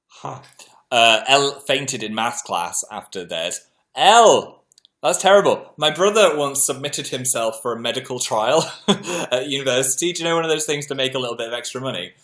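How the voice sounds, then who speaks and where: Speaking with a medium, fairly bright voice, this livestream host has a British English accent. He keeps things casual with viewers, sharing stories that poke fun at himself.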